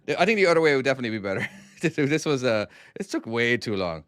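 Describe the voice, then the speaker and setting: Very animated and quick, this man's mid-range voice comes through with no echo. He's an Irish maker of trucking games, playing his own title on a live stream and answering chat in a casual, self-deprecating manner.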